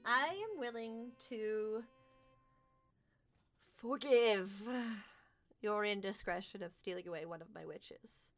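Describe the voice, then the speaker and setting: A woman playing a proud, aloof male fae noble in a tabletop game, speaking in a cool, measured, formal and condescending way. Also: mid-range voice, soft background music. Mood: aloof, stern. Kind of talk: tabletop role-play acting.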